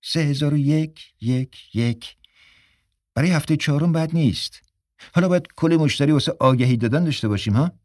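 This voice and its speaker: A man's voice: a little high, darkish tone, no room sound, clean studio sound, lightly acted. An actor playing a cocky male magazine editor who talks in a breezy, joking way in a radio drama.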